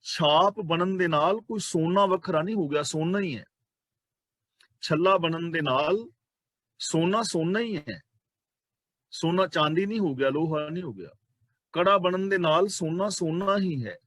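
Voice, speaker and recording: A man's voice: fairly high pitch, a bit bright, no echo. A man with a Punjabi accent giving a scripture sermon, explaining patiently through repetition and rhetorical questions. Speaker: Sikh preacher explaining scripture.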